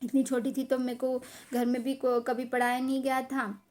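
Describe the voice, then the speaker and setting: A woman's voice: high-pitched, completely flat delivery, moderate pace, a little mellow. A young woman casually and emotionally telling a story from her childhood, repeating phrases for emphasis and slipping in English words.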